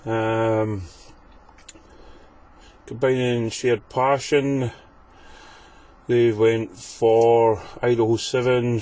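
A man's voice: medium pitch, darkish tone. A man from Fife, giving a casual recorded review as a podcast listener. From Fife, Scotland. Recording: clear ambient background noise.

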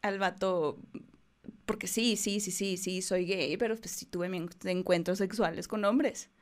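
A woman's voice: medium pitch, unhurried. A young woman, co-hosting a casual podcast and telling stories with slang and acted-out quotes. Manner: animated, slangy, acts out quotes. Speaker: podcast co-host. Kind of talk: casual chat.

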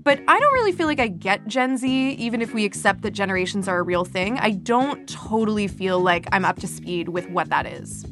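A woman's voice: mid-range voice, expressive, brisk, hardly any pauses, music in the background. A woman in her twenties from Canada, host of a podcast, reading scripted narration in a wry, casual, self-deprecating way. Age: 20s.

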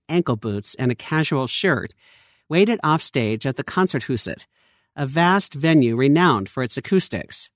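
A narrator giving an expressive scripted reading of a long-form news feature article. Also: medium pitch, no echo, studio quality.

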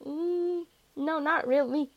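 A woman's voice: high voice, fairly even intonation, takes it slowly, lo-fi sound, voice pushed up. A woman voicing a snippy, defensive young man. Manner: loud, snippy, teasing.

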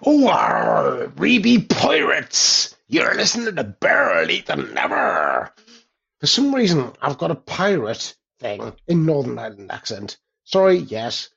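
A swaggering pirate with a put-on Northern Irish lilt growls slowly through a dull voicemail line, as a caller puts him on. The voice is deeply gravelly and raspy. It swings wildly up and down in pitch. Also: big pitch swings, exaggerated voice. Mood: hammy.

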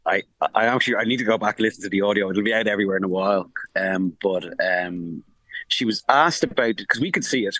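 A man reporting on football for a podcast, his words tumbling out at high speed with frequent restarts and fillers. His voice sits low, and the recording is dry and close. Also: no room sound, low-quality recording. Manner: rapid, animated, full of restarts and fillers. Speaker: sports journalist reporting from the tournament. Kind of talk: casual podcast analysis. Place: remote link from abroad.

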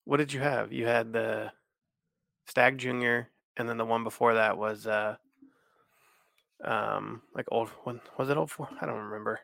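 Nasal, congested man with a creaky voice. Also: medium pitch, fairly even intonation, moderate pace, fairly bright tone, no room sound, studio quality. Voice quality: nasal from allergies. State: congested with allergies. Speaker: podcast co-host. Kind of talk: casual chat.

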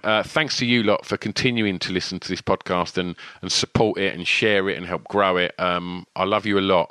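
A man's voice: low-pitched, pushed and bright, dry recording. A man with an Essex accent hosting a podcast, chatting casually and effusively in matey, informal slang. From Essex, England. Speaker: podcast host. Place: small room at home, alone.

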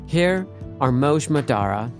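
A man hosting a podcast, reading a formal scripted introduction in a measured way. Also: medium pitch, expressive, soft background music. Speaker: podcast host.

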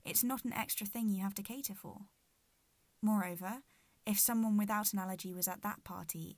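A woman's voice: medium pitch, a little mellow, dry recording. Young woman podcasting through gritted teeth. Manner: speaking through gritted teeth from a sore jaw. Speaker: podcast host. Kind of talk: scripted reflective podcast narration.

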